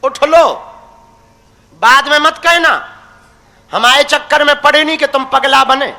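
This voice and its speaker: A man's voice: extremely high pitch, steady tone, unhurried, gravelly, sharp tone. A young man preaching a devotional sermon, teasing and folksy, calling his listeners his crazy ones. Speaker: religious preacher. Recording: long hall reverb.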